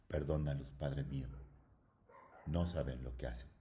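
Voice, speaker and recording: A man voicing a gentle, dying Christ figure in a read-aloud story, soft and solemn. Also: extremely low pitch, fairly even intonation, measured pace, slight background noise. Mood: tender.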